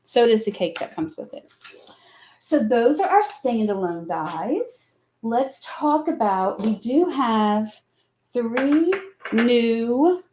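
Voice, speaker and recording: A woman's voice: on the high side, big pitch swings, slow, warm tone, a little hiss or hum. Chatty Southern woman demoing crafts. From American South. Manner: chatty, folksy, explains with many fillers. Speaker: craft company host. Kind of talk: live product demo.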